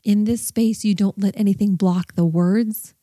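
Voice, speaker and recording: Brief: woman host, devotional podcast teaching, earnest and encouraging, mellow tone, dry close sound. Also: mid-range voice, fairly even intonation, measured pace, no echo.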